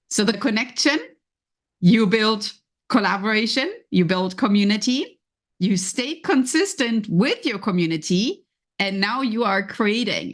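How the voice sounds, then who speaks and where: Speaking alone on her motivational podcast, this host and coach has a German accent and a mid-range voice. Her tone is encouraging and chatty, and she frequently puts inner thoughts into words.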